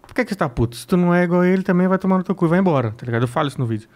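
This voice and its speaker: A man with a Brazilian accent, a comedian guest in a casual interview, telling stories in a blunt, profane, animated way. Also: high voice, racing.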